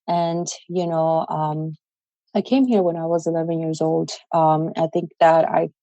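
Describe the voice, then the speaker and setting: A Salvadoran woman in her twenties, whose first language is Spanish, tells her story as a guest in a casual podcast interview, earnest and plain-spoken with many fillers. Her low voice is warm and steady at a measured pace. There is no room sound, but the audio is dull.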